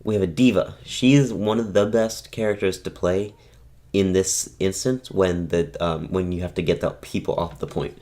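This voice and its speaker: A man's voice: low-pitched, fairly even intonation, normal speed, warm tone. A man giving casual commentary over his own match footage, rambling and often correcting himself as he explains. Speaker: gaming tutorial host.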